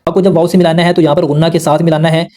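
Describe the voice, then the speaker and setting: A man teaching Quran recitation rules in a patient lesson, explaining each rule slowly and simply and repeating it so beginners can follow. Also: a little high, little pitch movement, warm tone.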